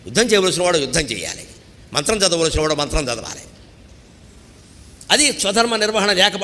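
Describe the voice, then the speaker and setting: A man's voice: on the high side, in a large hall, a little hiss or hum. A man giving a devotional discourse, acting out the lines of the people in his stories. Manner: animated, acts out dialogue in quoted voices. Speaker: spiritual discourse speaker.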